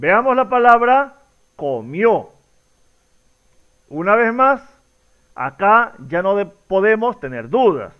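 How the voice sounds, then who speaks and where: A male teacher talks slowly to his students, leaning hard on single syllables and drawing them out. His voice sits high and swoops up and down, smooth and clear. The recording sounds dull and lo-fi. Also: very animated. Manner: slow, drawn-out words with strong stress to show the stressed syllable; addresses students directly, repeating each question. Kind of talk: recorded classroom lesson.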